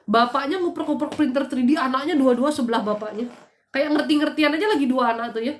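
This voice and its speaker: A woman's voice: high-pitched, quick pace, a little hiss or hum. Chatty woman live-stream host. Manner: chatty, teasing, preachy emphatic bursts. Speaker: live-stream host giving spiritual advice. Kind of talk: casual live-stream chat.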